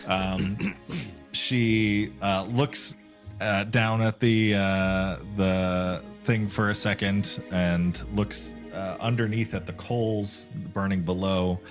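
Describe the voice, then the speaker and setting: A man narrating a tabletop game as game master, rambling and halting with many fillers. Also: fairly low pitch, steady tone, faint music behind.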